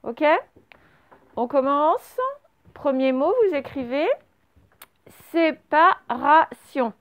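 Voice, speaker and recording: A woman's voice: high-pitched, animated, a little slow, dull audio. A woman teaching a children's dictation, stretching each word and spelling it out syllable by syllable. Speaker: primary school teacher.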